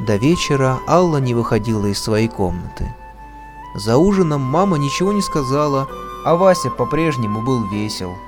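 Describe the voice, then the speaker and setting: Guy reading a kids' story, steady and calm, soft music behind. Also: mid-range voice, normal speed. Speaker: reader.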